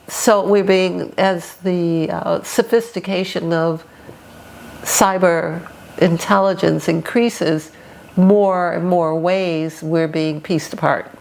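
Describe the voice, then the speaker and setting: An older woman talking earnestly and deliberately as a podcast guest, often restarting her sentences. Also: fairly low pitch, creaky. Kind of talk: casual podcast conversation.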